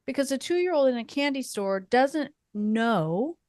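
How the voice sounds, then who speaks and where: Woman podcaster, slow thoughtful rambling talk, dry close sound. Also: sits high, lively intonation, dry recording. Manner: thoughtful, meandering, with fillers and soft laughs. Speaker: podcast co-host. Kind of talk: casual faith podcast chat.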